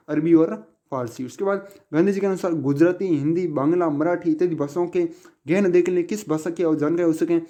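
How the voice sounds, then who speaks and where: A man's voice: a little high, mellow. A man teaching exam questions, often asking a question and answering it himself. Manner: repetitive, asks and answers his own questions. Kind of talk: casual exam-prep lesson.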